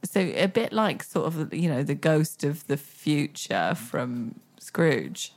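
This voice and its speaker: Woman, radio host, lower-pitched voice, playful and quick with her questions. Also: big pitch swings. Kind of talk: casual radio chat.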